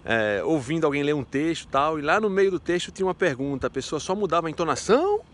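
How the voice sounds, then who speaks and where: A man's voice: on the high side, sing-song, quick pace, a bit bright. A man teaching a casual video lesson in a chatty, playful way, asking himself rhetorical questions. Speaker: French teacher.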